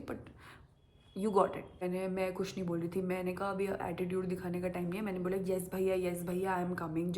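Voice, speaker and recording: A young woman vlogger casually tells a story to the camera in a medium-pitched, creaky voice. She is animated and acts out the voices of the people in the story, with slight background noise.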